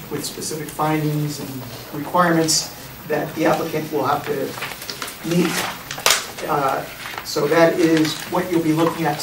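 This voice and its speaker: A man on the town planning staff briefing a commission in a matter-of-fact, explanatory way, with some restarts. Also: fairly high pitch. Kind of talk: formal meeting briefing. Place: town meeting room. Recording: echoey room, distant mic, background noise.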